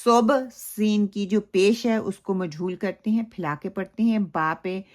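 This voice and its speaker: A woman teaching Quran recitation. She explains pronunciation slowly and then recites phrases in a drawn-out way. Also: medium pitch, darkish tone. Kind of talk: recitation lesson with model recitation.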